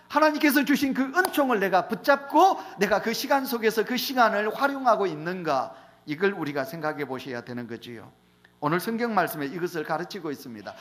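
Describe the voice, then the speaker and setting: A middle-aged man preaching a Sunday sermon, calling out to the congregation and swinging between loud emphasis and hushed lines. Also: high-pitched. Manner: repeatedly addresses the congregation directly. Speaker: pastor.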